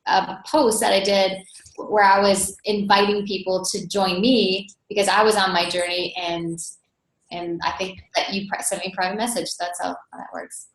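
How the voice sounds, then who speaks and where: She's an American webinar host and team coach from North Dakota, chatting enthusiastically in an informal session recorded indoors over an online call. Her voice is mid-range with little pitch movement and normal speed, and the sound carries a roomy echo.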